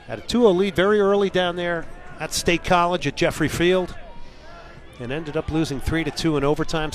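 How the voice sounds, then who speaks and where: A man doing live play-by-play commentary of a soccer match. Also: fairly high pitch. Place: outdoor college soccer stadium broadcast. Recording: clear outdoor stadium ambience noise.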